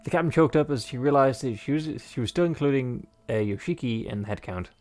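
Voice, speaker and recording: A man's voice: mid-range voice, expressive, quick pace, darkish tone, faint music behind. Joking man reading a game aloud. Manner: joking, rambling, many fillers. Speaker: game player and narrator. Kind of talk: reading a visual novel aloud with joking commentary.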